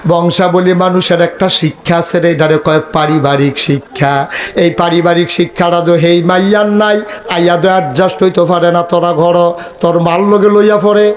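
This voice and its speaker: A male preacher, telling a humorous village sermon with acted dialogue and sudden high shouts. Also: steady tone, brisk.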